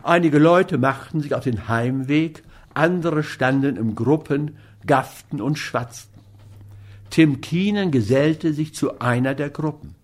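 A man narrating a classic novel as an audiobook, measured and steady. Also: a little high. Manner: slow, measured. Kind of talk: audiobook reading.

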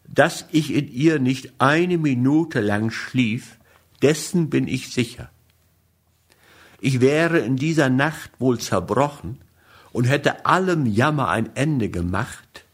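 A man reading a first-person novel aloud in a measured, grave manner. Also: mid-range voice, husky. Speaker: audiobook narrator. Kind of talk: first-person literary narration.

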